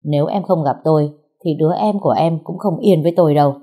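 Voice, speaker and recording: A woman's voice: sits low, fast, mellow. A woman voicing a cold, controlling man who gives orders and threats over the phone. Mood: cold commanding. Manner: cold, commanding.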